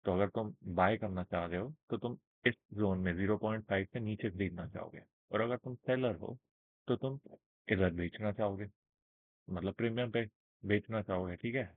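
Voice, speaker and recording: A man teaching trading in a casual screen-share lesson, speaking slowly and checking in with his listeners often. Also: fairly low pitch, dry recording. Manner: explains with everyday examples, checks in with listeners. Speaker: trading instructor. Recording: narrow phone-like band, dry.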